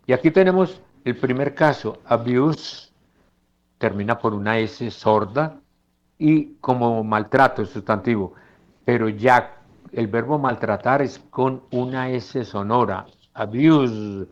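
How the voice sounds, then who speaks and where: Slow, deliberate male phonetics teacher. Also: medium pitch, dull audio. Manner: slow, deliberate, models English words aloud. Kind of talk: lecture walking through slides.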